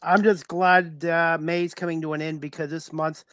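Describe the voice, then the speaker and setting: A man co-hosting a podcast who also covers sports, speaking in a steady, slightly formal way. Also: fairly high pitch, normal speed, dry recording. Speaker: podcast co-host, sports media member. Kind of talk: casual chat, hosting.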